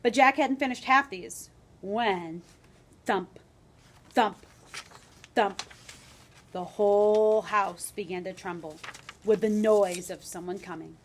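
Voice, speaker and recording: A woman reads a story expressively to grade schoolers, speaking slowly and pausing often, with slight background noise. She weaves in conversational asides and asks the children questions.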